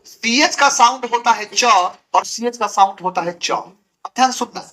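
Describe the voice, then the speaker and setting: A man's voice: extremely high pitch, moderate pace, pushed and bright, slight background noise. A man teaching English grammar in Hindi, drilling letter sounds by repeating them and quizzing his students. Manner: drills sounds by repetition, asks students questions. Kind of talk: classroom grammar lesson.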